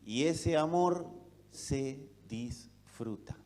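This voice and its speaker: A man preaching a sermon with an Argentine accent, asking rhetorical questions and swinging between loud and soft delivery. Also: fairly high pitch, drawn-out words. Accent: Argentine Spanish. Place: church hall. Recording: long reverb of a church hall.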